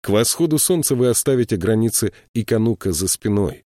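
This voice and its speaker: A man voicing a small, stubborn male troll who calmly holds to his oath in an audiobook. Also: fairly low pitch, brisk, dry recording, clean studio sound, pitched above the performer's own voice, natural voice. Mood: resolute. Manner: calm, firm, quietly resolute.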